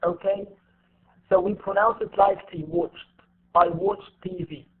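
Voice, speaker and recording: A man with a Levantine Arabic accent teaching an English lesson, patiently repeating example words slowly for his students. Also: sits high, level tone. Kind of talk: online lesson. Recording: tinny phone-like audio.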